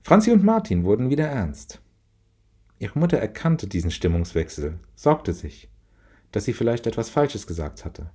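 A man narrating a children's story in a calm, even reading manner. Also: lowish voice, moderate pace, slightly rough.

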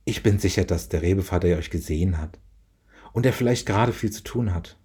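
A man voicing a gentle caring mother. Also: low voice, fairly quick, breathy edge. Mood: soothing. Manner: gentle and reassuring. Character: warm caring mother, adult woman.

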